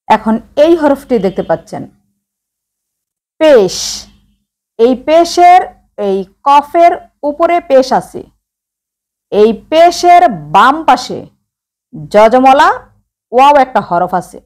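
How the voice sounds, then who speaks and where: Slow, lilting woman teaching letters. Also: sits high, very animated, darkish tone. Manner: addresses viewers directly, sounds out letters slowly. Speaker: Quran reading teacher. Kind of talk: slow instructional explanation.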